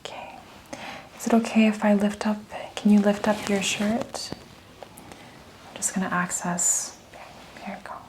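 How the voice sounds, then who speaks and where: A woman clinician in an ASMR-style medical exam, whispering gentle step-by-step instructions to her patient. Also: mid-range voice, steady tone, a little slow, pauses often, rough recording. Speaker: clinician giving a physical exam.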